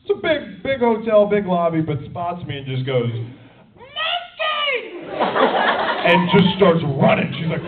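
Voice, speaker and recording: A man, a voice actor guest at a convention panel, telling an anecdote with laughter and lively delivery. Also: high-pitched, a little fast, hardly any pauses, noisy background. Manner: lively, laughing, acts out quotes. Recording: distant lo-fi audience recording with loud crowd.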